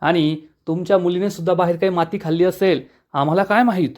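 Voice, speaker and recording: A man's voice: high-pitched, quick pace, darkish tone, natural voice. A sneering, scheming middle-aged politician with a bitter edge and a somewhat raised male voice, read out by a man recapping a serial. He sounds spiteful and calculating. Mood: scornful.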